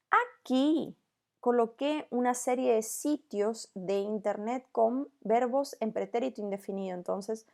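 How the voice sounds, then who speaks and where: Slow, gravelly-voiced woman teaching Spanish. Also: fairly high pitch, darkish tone. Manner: slow, deliberate, drills conjugations with frequent "¿tá?" checks. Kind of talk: recorded online grammar lesson.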